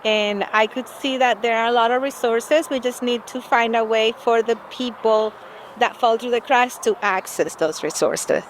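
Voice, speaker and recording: A woman's voice: fairly high pitch, moderate pace, long pauses, slight background noise, low-quality recording. A woman, a community health worker, speaking reflectively in an interview clip.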